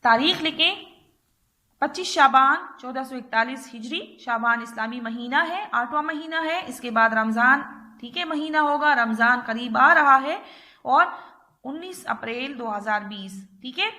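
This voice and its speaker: A woman teacher with an Urdu-speaking Pakistani accent leads a recorded class for small children. Her voice sits high and sounds bright and crisp. She talks patiently, checks in with the class again and again, and stretches out each sound as she drills it. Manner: patient, repeats "theek hai" often, drills letters slowly. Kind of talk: recorded online class lesson.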